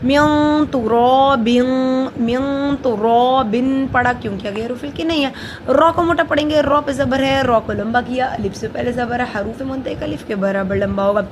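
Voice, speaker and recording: A woman teaching tajweed, who first recites verses slowly and melodiously and then explains the pronunciation of each letter in a soft, steady voice. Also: on the high side, noisy background.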